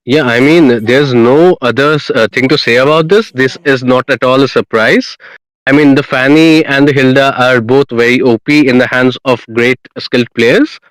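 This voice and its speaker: A man casting an esports match, opening with energetic, hype-building introductions and then talking through the draft. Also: medium pitch, moderate pace, dry recording, rough recording. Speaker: esports caster. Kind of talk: play-by-play esports commentary.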